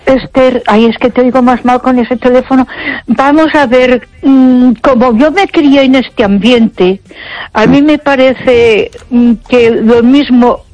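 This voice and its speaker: On a rough recording without echo, an older Barcelona woman calls a radio show to chat casually, speaking slowly in a high, slightly mellow voice. Her manner is emphatic and repetitive, with frequent exclamations of "ay."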